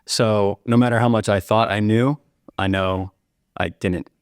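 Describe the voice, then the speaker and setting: A man's voice: on the low side, fairly even intonation, a little slow, no room sound, clean studio sound. A man guesting on a podcast, answering casually and easygoingly, with plenty of "like" and "you know". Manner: easygoing, uses "like" and "you know", speeds up in bursts. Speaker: podcast guest, gym client.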